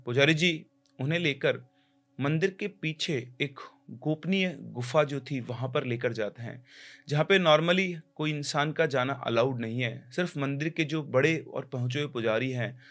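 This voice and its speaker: A man's voice: medium pitch, a bit bright. A man narrating a horror story in a conversational, explaining way, with small restarts.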